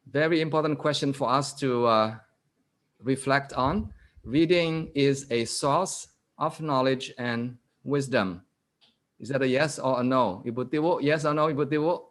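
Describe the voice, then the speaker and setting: A man lecturing to a webinar audience over a video call, in a middle-pitched voice. He keeps turning to his listeners with questions. He reads key statements out slowly and repeats them. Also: fairly bright tone. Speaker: guest lecturer. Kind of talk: interactive online lecture.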